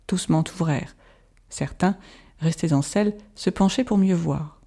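Mellow, measured audiobook narrator. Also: medium pitch, gravelly. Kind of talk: scripted narration of a classic tale.

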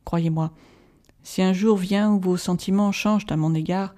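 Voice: medium pitch, steady tone, mellow, natural voice. A reader voicing a grave old professor. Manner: solemn, measured pleading. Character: old male Dutch professor, grave and patient. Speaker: audiobook reader. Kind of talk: audiobook narration.

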